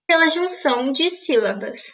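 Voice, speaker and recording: A woman teaching a grammar lesson in a high, bright voice. She asks questions and answers them herself. The recording sounds distant and slightly muffled. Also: animated, normal speed. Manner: didactic, asks and answers her own questions.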